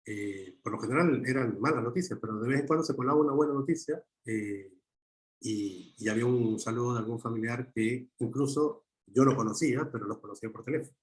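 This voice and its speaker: Man, middle-aged, interview guest, halting, reflective, mid-pitched voice. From Chile. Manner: halting, many restarts and fillers. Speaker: guest filmmaker.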